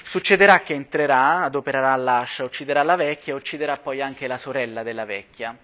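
A man's voice: medium pitch, brisk, bright, forceful tone. Man reading a novel aloud with drama. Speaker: speaker at a reading workshop.

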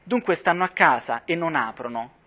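A man reading aloud voices a quick-witted young man who urgently explains his reasoning, calling out and insisting. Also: a little high, expressive. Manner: insistent, shouting, explaining step by step.

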